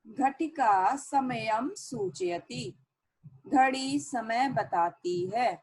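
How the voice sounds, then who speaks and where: A woman teacher explaining a language lesson, reading each sentence and then repeating its meaning slowly and clearly. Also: fairly high pitch, lively intonation, a little mellow, low-quality recording. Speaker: Sanskrit teacher.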